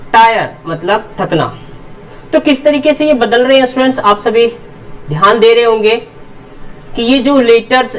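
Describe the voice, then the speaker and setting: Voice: medium pitch, a bit bright, recorded from a distance, low-quality recording. A teacher explaining English pronunciation, answering their own rhetorical questions and drilling each word with its meaning. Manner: repeats rhetorical questions and answers them itself; drills word pairs slowly, word then meaning. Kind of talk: explanatory lesson.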